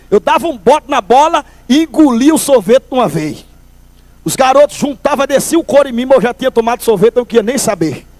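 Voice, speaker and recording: A man's voice: very high voice, no room sound. A man from Recife, telling a humorous testimony at a church service and calling listeners brother. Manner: lively storyteller, calls listeners brother.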